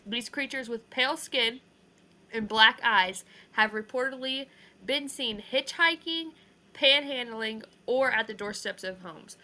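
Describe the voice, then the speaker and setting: Bright, giggly young woman podcaster. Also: on the high side, measured pace. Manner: giggly, says "like" and "ew" a lot. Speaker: podcast co-host. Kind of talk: casual chat.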